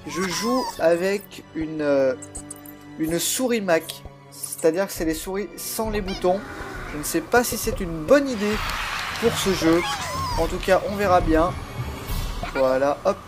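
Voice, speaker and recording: A man's voice: sits high, lively intonation, unhurried, over music. Man with a slightly altered voice. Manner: chatty, explains while playing, frequent hesitations. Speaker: let's play host. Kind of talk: casual gameplay commentary. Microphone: laptop built-in microphone.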